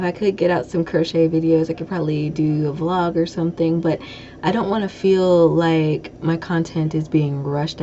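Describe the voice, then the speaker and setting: A woman's voice: sits low, dark tone. A woman hosting a casual podcast chat, rambling and self-correcting, with a slight lisp from a broken tooth. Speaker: podcast host. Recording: dull lo-fi audio with faint noise.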